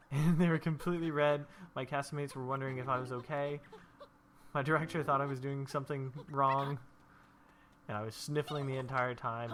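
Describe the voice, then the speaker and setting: A young man with allergy-stuffed sinuses hosts a gameplay video, rambling casually and spinning stories as he plays. His voice sits at a medium pitch with a slightly bright edge.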